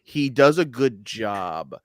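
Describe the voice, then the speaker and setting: A man hosting a casual reaction livestream, greeting chat and talking in excited bursts with stammered restarts. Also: slow pace, smooth, dry recording, clean studio sound. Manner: animated, jumps high in pitch when excited, stammers restarts. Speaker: livestream host reading chat.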